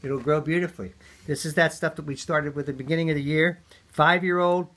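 A man's voice: fairly high pitch, fairly even intonation, quick pace, fairly bright tone. A man giving a casual, hands-on gardening demonstration, talking in a chatty, folksy way with lots of ums and uhs. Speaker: gardening teacher.

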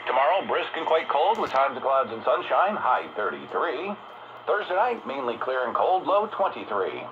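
A man's voice: on the high side, wildly swooping pitch, normal speed, creaky. A man giving a weather forecast as a radio broadcaster, heard over AM radio reception. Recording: noisy, dull AM radio reception. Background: heavy radio static.

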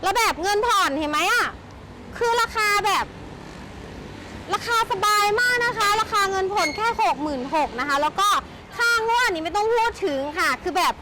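A woman with a very high-pitched voice and lively intonation hosts a shop's chatty sales walkaround at normal speed, gushing enthusiastically. The handheld recording is noisy, with vehicle sounds.

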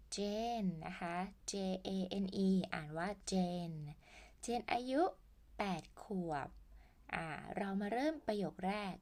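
Very slow, patient Thai woman teacher. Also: a little mellow. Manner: very slow, patient, spells words out and sings greetings high. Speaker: primary school English teacher. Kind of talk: slow, drawn-out worksheet lesson for young children.

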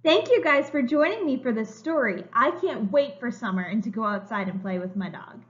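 Reading a children's story aloud at home, a woman uses the high, bright voice of a preschool teacher, moving at a moderate pace with big swings in pitch and emphatic, very expressive words. The audio is slightly dull, like a lo-fi home webcam.

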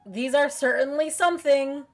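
A woman streamer reading a dating game aloud, calm when she narrates and gushing, joking and excitable when she reacts. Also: high voice, moderate pace, faint music behind.

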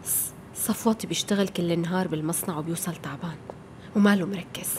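Woman doing an anxious Levantine wife, quick and hushed. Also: fairly low pitch, steady tone, slight background noise, close to an everyday voice. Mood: tense. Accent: Levantine Arabic. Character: anxious young wife guarding a secret. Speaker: dubbing actor.

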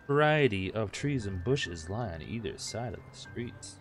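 Reading through a visual novel, a male gaming host speaks at normal speed in a fairly low voice with lively intonation. He's crude and irreverent, breaking off for jokes while the game's music is clearly audible underneath.

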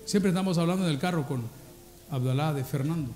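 A man with a Salvadoran Spanish accent, a pastor preaching a sermon with lively, humorous storytelling that acts out little dialogues. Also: fairly high pitch, a little fast, soft background music.

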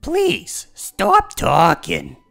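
A woman's voice: lowish voice, wildly swooping pitch, very slow, gravelly, a bit bright, soft background music, full character voice. A woman voicing a snarky, exasperated hairless cat with a dry, sarcastic manner in a comic dub.

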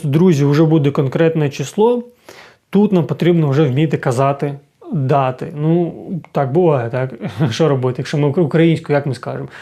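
A man's voice: a little high, dark tone. A man explaining English restaurant phrases in a casual online lesson, often checking in with his viewers. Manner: explanatory, often adds "так?" and "друзі". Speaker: English teacher.

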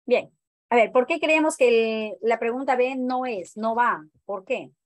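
A woman's voice: a little high, expressive, measured pace, no room sound. A woman teacher leading an online training class, explaining exam answers and asking the group questions. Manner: questioning, explanatory, many fillers.

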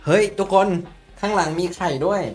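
A man's voice: high voice, brisk, soft background music. Playful man doing game commentary. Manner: animated, jokey, talks to viewers as "everyone". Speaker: gaming YouTuber.

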